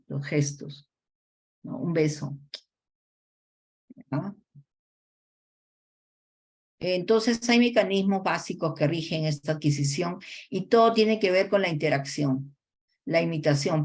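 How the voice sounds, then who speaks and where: A woman lecturer with a Peruvian Spanish accent, explaining child language development in a class, often ending phrases with a questioning "no?" and pausing on fillers. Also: lowish voice. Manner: explanatory, tags sentences with a questioning "no?"; frequent hesitation fillers. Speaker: college lecturer.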